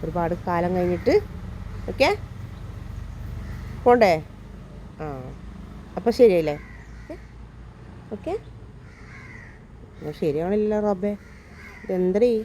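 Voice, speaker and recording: Woman, Malayali accent, mum-vlogger; coaxing, teasing delivery, slightly rough cold-worn voice, outdoor take with faint noise. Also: lowish voice, lively intonation, slow pace, pauses often, mellow. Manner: coaxing, teasing talk to her child. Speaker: vlogger, mother. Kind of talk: casual family vlog chat.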